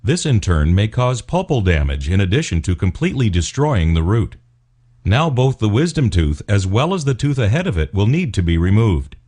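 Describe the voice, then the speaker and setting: A male narrator with a fairly low voice reads a scripted instructional piece. His delivery is formal and measured, yet the pitch moves in a lively way across each sentence. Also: husky. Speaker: narrator of dental explainer videos.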